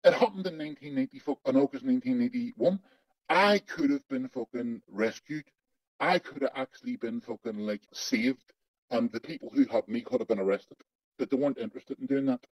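A man's voice: mid-range voice, a little fast, dry recording. A man interviewed about his past with his voice digitally altered to hide who he is. He talks bluntly and emphatically, swears often and repeats words for stress, over a dull remote connection. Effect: voice digitally altered to disguise identity. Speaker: interviewee, former undercover agent. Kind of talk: angry first-person testimony in an interview.

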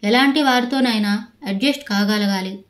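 Woman reading a husband giving calm advice, quieter. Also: mid-range voice, normal speed, lightly acted. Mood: advising. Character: calm advising young husband.

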